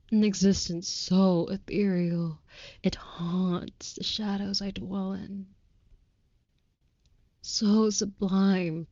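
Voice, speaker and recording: Speaking with impassioned devotion, a woman plays a tender, ornately romantic female vampire lover in an intimate audio roleplay. Her medium-pitched voice is mellow, soft and breathy, drifting into whispers as she moves slowly and reverently through florid, old-fashioned formal wording. The recording is close, dry and slightly dull, with no room sound.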